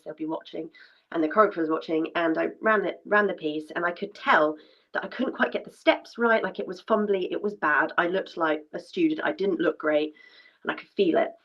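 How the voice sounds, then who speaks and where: Woman telling a personal story. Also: fairly low pitch. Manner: chatty, with many fillers and restarts. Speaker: former dancer sharing her story at an event. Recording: dull lo-fi sound.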